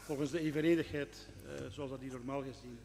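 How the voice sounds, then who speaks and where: A man's voice: medium pitch, steady tone, a little fast, creaky, background noise. A male senator making a matter-of-fact proposal from his seat, with a few fillers. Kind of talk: parliamentary speech. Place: large parliamentary chamber. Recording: distant mic, long hall reverb.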